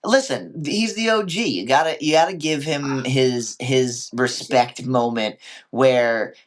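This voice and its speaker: Male co-host, casual recap chat, profane, jumps into quick character voices, mid pitch. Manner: profane, animated, acts out characters' lines. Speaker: podcast co-host.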